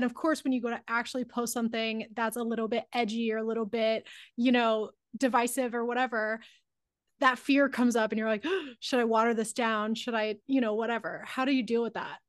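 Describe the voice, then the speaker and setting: A woman's voice: on the high side, fairly even intonation, quick pace, dry recording, studio quality. A woman hosting a podcast, asking rambling, enthusiastic questions and going off on tangents in casual conversation. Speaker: podcast host.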